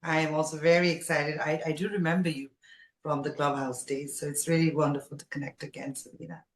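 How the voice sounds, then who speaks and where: Talking a little fast in a flat, low-pitched voice, a former radio jockey from Nepal gushes as a podcast guest in a relaxed conversational interview. The recording has a roomy echo.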